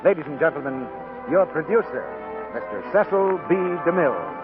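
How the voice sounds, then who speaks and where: A man's voice: a little high, big pitch swings, moderate pace, narrow, tinny audio. A man with an American accent announcing a 1940s radio show, on an old band-limited broadcast recording. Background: loud music.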